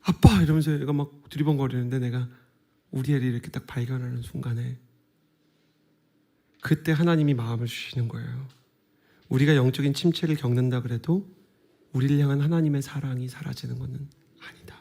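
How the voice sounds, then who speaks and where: A man in his thirties, a guest pastor giving a revival sermon in a church, earnest and conversational with soft whispered asides. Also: medium pitch, fairly even intonation, brisk, gravelly, pauses often. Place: church sanctuary.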